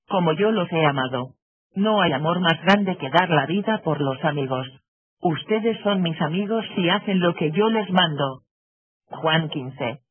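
A man's voice: a little high, slightly rough. A synthetic male voice reading Bible quotations aloud, mechanically speaking the punctuation marks and symbols along with the text. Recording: narrow phone-like sound.

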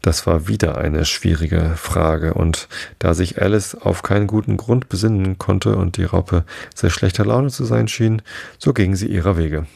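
A man hosting a sleep podcast, reading a storybook aloud in a slow, soothing, unhurried way. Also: low voice, fairly even intonation, gravelly, a little mellow, husky, no echo, clean studio sound. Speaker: podcast host and reader. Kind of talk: calm bedtime story narration.

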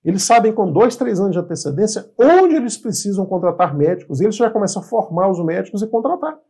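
Husky-voiced man teaching casually. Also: sits high, very animated, fast talker, warm tone. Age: 50s. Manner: conversational, asks and answers his own questions. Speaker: real estate appraisal instructor. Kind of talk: informal online lesson.

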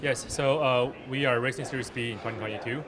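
Male founder, 30s, eager demo pitch, handheld mic, noisy conference floor. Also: steady tone, fast. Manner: explanatory pitch, non-native grammar. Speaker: startup founder. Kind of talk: product demo interview. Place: busy conference hall, indoors. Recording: loud crowd chatter behind.

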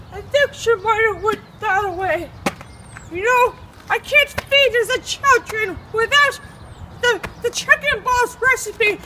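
A woman's voice: very high-pitched, very noisy, exaggerated voice. A woman voicing a cranky old woman chasing a recipe thief, out of breath and exclaiming theatrically outdoors. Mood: scheming.

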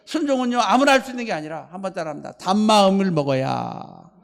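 A male pastor preaching a sermon, telling the story with animated acting and having the congregation repeat lines after him. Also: sits high, quick pace, vocal fry, big-room sound. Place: church sanctuary.

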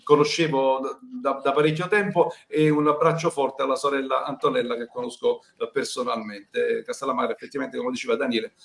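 A man's voice: mid-range voice, gravelly. A man, a sports journalist, joining over a remote video call and giving emphatic commentary, repeating his words. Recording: echoey remote call line.

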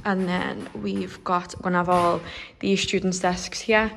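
Excited young woman touring her salon. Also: fairly low pitch, a little slow, creaky, slight background noise. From Liverpool, England. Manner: excited, chatty, lots of fillers. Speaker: nail salon owner. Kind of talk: walkthrough vlog. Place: salon under renovation, indoors.

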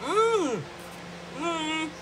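A woman's voice: sits high, sing-song, drawn-out words, noisy background. A woman vlogger talking while chewing, gushing with enthusiasm in a casual taste-test at home. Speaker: food vlogger.

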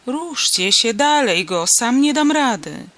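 A reader voicing an old village farmer who talks in rustic dialect and calls out loudly in the dark. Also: medium pitch, unhurried. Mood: urging. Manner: rustic dialect, loud calling out.

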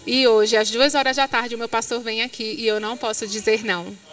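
A woman's voice: fairly high pitch, a little fast. A woman with a Brazilian Portuguese accent preaching at a church conference, telling a story and acting out the people in it. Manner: acts out quoted voices in a lively storytelling way. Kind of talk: sermon with storytelling. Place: church hall. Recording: dry sound, from somewhat far from the mic.

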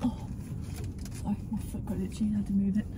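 A woman's voice: mid-range voice, little pitch movement, quick pace, very noisy. A young woman with an Australian accent co-hosting a casual chat, teasing her friend playfully and reading out the questions. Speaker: teacher and co-host.

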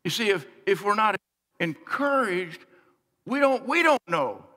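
Middle-aged guy preaching from the stage, earnest, gets soft then loud, somewhat high voice, church echo rings out. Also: very animated, a little slow. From United States. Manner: earnest preaching, swings between soft and emphatic. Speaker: pastor. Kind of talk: sermon. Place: large church sanctuary, on stage. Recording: long church hall reverb.

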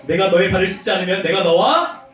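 Guy doing calm soft jesus voice, slow and low, echoey room from far off. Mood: gentle, instructive. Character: Jesus, calm gentle grown man teacher.

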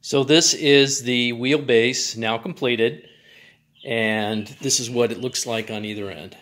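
A man hosting a DIY channel, calmly walking through a step-by-step build tutorial with measurements, in a plain, methodical way. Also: medium pitch, slow pace.

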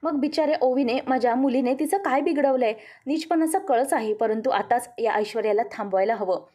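A woman voicing a protective mother who quietly fumes over how her little daughter was treated. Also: high-pitched, a little fast. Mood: indignant. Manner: indignant inner monologue.

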